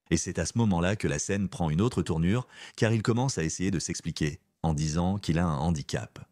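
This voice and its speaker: Deep-voiced man narrating dryly. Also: a little mellow, no echo. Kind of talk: scripted voice-over narration.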